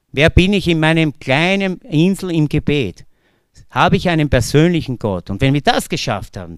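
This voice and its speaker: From Bucklige Welt in Lower Austria, a man with an Austrian accent gives an earnest personal testimony to an audience as a speaker from a faith-based recovery community. His voice swings between loud emphasis and hushed low tones, with clean studio sound and no echo.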